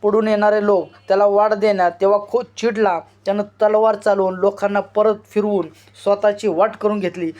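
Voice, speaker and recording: A man reading a novel aloud as an expressive storyteller, drawing out shouted cries. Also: sits high. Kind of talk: dramatic literary reading. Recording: dull lo-fi recording.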